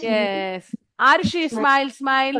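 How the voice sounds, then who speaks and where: Slow-coaxing Malayali woman teaching little kids. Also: high-pitched, lively intonation, sharp tone. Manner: slow, drawn-out English, then quick switches into Malayalam explanations; coaxing, calls children by name. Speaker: kindergarten English teacher. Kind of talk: online class for young children.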